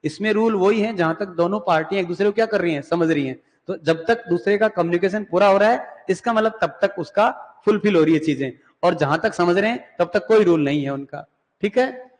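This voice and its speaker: High-voiced male teacher in a reverberant hall. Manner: asks and answers his own questions, repeats key terms; reads English terms slowly, explains in Hindi. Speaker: English teacher. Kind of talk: classroom lecture.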